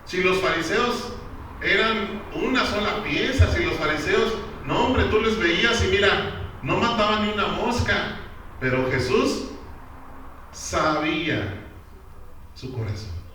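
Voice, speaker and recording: Man, pastor preaching, emphatic, questions the crowd, fairly high voice, far from mic. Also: expressive, takes it slowly, pushed and bright, a little hiss or hum. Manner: questions the congregation directly, emphatic. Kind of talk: sermon. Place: church hall. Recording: very echoey church hall from far off.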